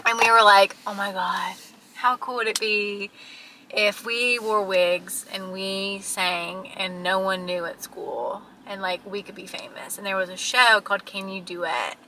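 A small-town woman in her twenties vlogs from inside a parked car at night, chatting casually and telling stories to a friend with dramatic emphasis. Her medium-pitched voice is a bit slow, pushed and bright, with fairly even intonation. The low-quality recording picks up car background noise.

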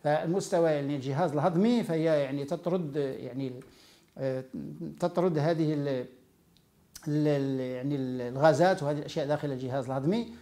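A Moroccan man teaching about food and health at a very rapid clip. His voice is dark and mellow, and he explains by running through lists item after item. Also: fairly high pitch. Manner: explains by listing items one after another. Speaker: nutrition educator. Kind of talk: informal health lecture.

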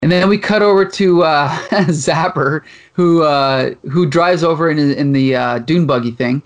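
A man's voice: fairly high pitch, a little slow. A man from Canada, co-hosting a casual podcast chat and retelling a comic with playful read-out lines. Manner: animated, reads comic lines in playful voices. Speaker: podcast co-host.

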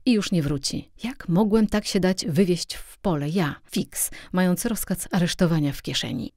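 A woman voicing a restless, agitated police inspector in an audiobook, excited and full of self-reproach. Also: lowish voice, moderate pace, no echo, studio quality, close to an everyday voice.

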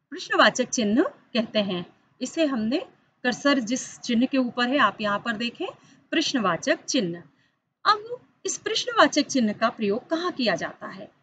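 A woman's voice: pushed and bright, lo-fi sound, slight background noise. A woman teacher giving an online school lesson, explaining step by step, speaking directly to the children and lifting her voice on the examples. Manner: stresses key words with rising pitch on examples. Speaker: Hindi teacher.

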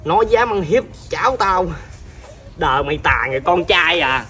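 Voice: medium pitch, animated, moderate pace, a little hiss or hum. An actor playing a fuming, scolding older relative. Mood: exasperated. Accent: Southern Vietnamese. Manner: loud exasperated scolding, repeated sighing exclamations. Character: hot-tempered older relative scolding a child.

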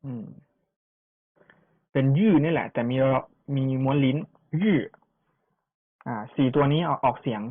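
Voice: mid-range voice, measured pace, pauses often, slightly rough. A language teacher giving an online pronunciation lesson, repeating each syllable for students to copy, with chatty asides. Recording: tinny phone-like sound.

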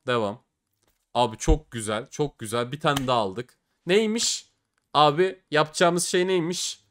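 A young man giving excited, slangy commentary as a case-opening streamer, swinging between loud hype and grumbling. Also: medium pitch.

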